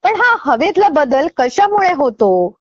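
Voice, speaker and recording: A woman co-host chats agreeably on a radio show. Her voice is high and very lively. The sound is dry and muffled, like a lo-fi radio studio. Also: a little slow, dry recording. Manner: agreeable, chatty. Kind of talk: casual chat.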